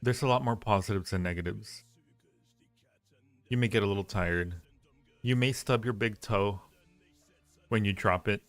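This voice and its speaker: A man's voice: fairly low pitch, normal speed, long pauses, dry recording, soft background music. A man hosting a casual livestream, teasing and rambling playfully as he ranks things and repeats his phrases. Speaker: livestream host. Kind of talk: casual livestream chat and ranking commentary.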